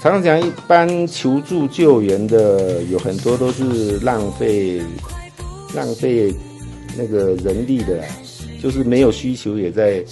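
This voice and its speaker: A man's voice: mid-range voice, a little slow, mellow. A middle-aged man with a Taiwanese Mandarin accent chatting casually as an interview guest, offhand and blunt. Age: middle-aged or older. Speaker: guest, volunteer firefighter. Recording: music playing behind the talk.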